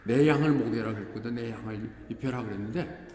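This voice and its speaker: An older man preaching a conversational sermon as pastor, often acting out quoted voices with sudden pitch jumps. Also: fast talker, a little mellow. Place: church hall. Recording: echoey church hall with faint background noise.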